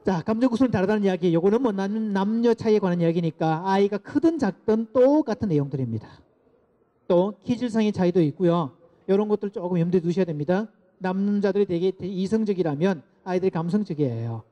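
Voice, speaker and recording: High-voiced man lecturing parents. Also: fast. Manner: animated, asks the audience to repeat phrases. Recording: dull lo-fi lecture recording.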